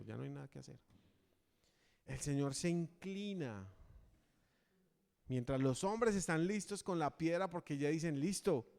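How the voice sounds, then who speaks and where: A man preaches in a church, his voice ringing out with a long reverb trailing after each phrase. He speaks at a mid pitch and keeps turning to rhetorical questions, earnest and direct. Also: a little mellow. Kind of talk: sermon.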